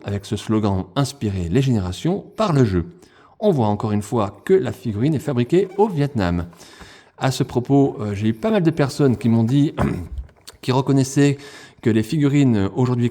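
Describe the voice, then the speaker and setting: Mellow-voiced man reviewing toys. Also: mid-range voice. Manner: hesitant, many fillers, addresses viewers as friends. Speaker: toy reviewer. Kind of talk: unboxing review, casual chat.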